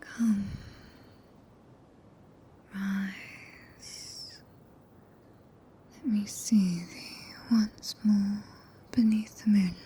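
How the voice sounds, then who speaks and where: A British woman voicing a tender, possessive, regal witch in a breathy, intimate whisper for an ASMR roleplay, speaking archaic English close to the microphone. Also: mid-range voice. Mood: tender, content. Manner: slow, hushed, intimate, solemn. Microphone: close binaural microphone.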